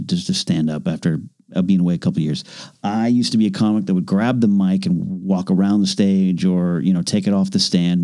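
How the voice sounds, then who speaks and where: A man with a fairly low, warm voice co-hosts a casual podcast chat. He rambles in a self-deprecating way and keeps restarting his sentences.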